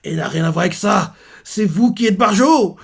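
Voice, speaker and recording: A man's voice: sits high, animated, moderate pace, vocal fry, husky, voice pushed up, heavily acted. A man voicing a beaten young man from a manga who defends his brother. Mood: defiant.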